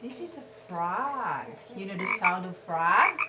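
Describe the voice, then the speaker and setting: A woman asking a young child to name animals and make their sounds, in slow, patient questions with sing-song prompts. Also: medium pitch, animated. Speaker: parent teaching a child. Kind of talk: home video lesson for a child. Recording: echoey room, far from mic, loud noise.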